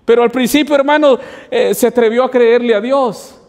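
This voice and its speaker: A man's voice: very high-pitched, normal speed, darkish tone. A man preaching as a pastor, addressing the congregation as brothers and asking rhetorical questions. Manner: preaching with repeated "hermanos" asides and rhetorical questions. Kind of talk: sermon. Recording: long hall reverb.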